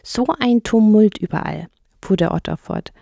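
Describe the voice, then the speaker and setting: A woman voicing a gruff, sociable male otter in a children's audiobook. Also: medium pitch, normal speed, dark tone, no echo, studio quality, voice pushed up. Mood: chatty.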